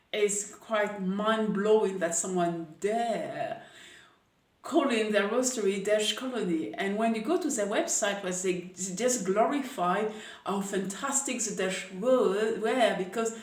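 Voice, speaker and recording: A woman from Paris, hosting a casual coffee chat and talking with many hesitant pauses. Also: medium pitch. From Paris, France. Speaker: coffee camp host. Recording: echoey room, voice a bit far from mic.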